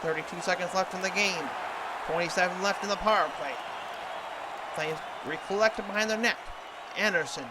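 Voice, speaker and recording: A man's voice: sits high, a little fast, pauses often, over a noisy crowd, heavy background noise. A man calling hockey play-by-play over a video game in the manner of a TV sports announcer. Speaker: sports commentator.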